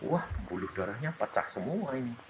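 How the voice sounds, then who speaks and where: A man preaching a sermon, swinging between loud, high exclamations and low murmurs. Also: very animated, a little fast, background noise. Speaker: evangelist preacher.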